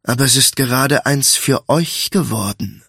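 A man gives voice to a cold, dangerous thief in an audiobook. He speaks slowly and deliberately, every word measured and threatening, in a dry, close recording. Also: mid-range voice, vocal fry, a bit bright, husky, dry recording, full character voice. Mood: cold menacing. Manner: slow, deliberate and threatening, then snapping. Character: cold, menacing male thief, quietly dangerous. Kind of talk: audiobook character voice.

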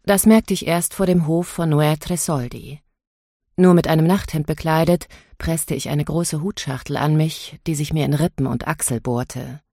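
A woman narrating a novel in the first person, in a measured, inward storytelling manner. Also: low voice, dark tone, no room sound, studio quality. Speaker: audiobook narrator.

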